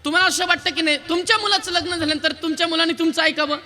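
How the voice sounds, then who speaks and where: A male devotional preacher delivering a lively sermon, teasing and quizzing his live audience. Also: very high-pitched, very fast, faint music behind. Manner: lively, quizzes and teases the crowd, counts raised hands. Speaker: kirtan preacher.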